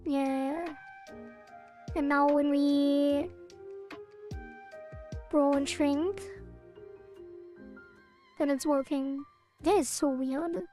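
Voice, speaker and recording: A woman's voice: high-pitched, fairly even intonation, very slow, long pauses, dark tone, faint music behind. A woman streaming her game development, thinking aloud in half-sentences as she works. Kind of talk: casual livestream while coding.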